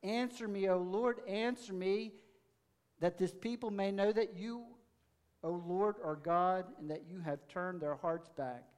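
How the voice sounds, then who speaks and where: A man preaching a sermon, reading scripture aloud in a church and building to forceful emphasis on the quoted lines. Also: high-pitched, measured pace. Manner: reads with rising, forceful emphasis. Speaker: pastor. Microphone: mic checked aloud.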